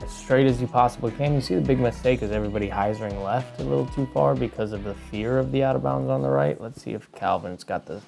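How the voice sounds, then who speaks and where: A man's voice: medium pitch, fast talker, creaky, hardly any pauses, darkish tone, soft background music. A man giving casual color commentary as a disc golf co-commentator.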